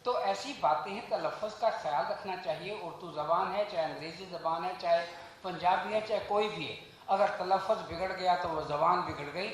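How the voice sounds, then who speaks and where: A man's voice: high voice, slight background noise. Earnest man speaking in an echoey hall. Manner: measured, earnest, rhetorical, recites verse. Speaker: guest speaker at a book launch. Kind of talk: formal speech on language and pronunciation. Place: event hall.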